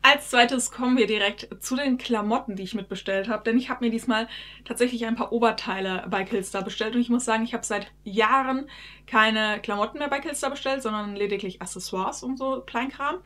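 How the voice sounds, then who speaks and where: A woman's voice: fairly high pitch, fairly quick, a bit bright. A woman chatting casually to her viewers in a haul vlog, recorded in her bedroom. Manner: chatty, addresses viewers directly. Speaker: YouTube vlogger.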